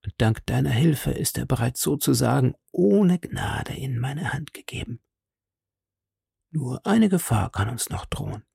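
Man putting on a commanding detective voice, intense, gravelly, raised above his low own tone, dry close sound. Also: sing-song, moderate pace, dry recording. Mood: whispered urgency. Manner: intense, urgent, often hushed to a whisper. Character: sharp, commanding male detective.

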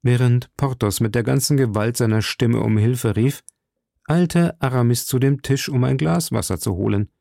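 A man narrating a classic novel in a measured, steady, deliberate way. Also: mid-range voice, creaky, no room sound, studio quality. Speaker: audiobook narrator.

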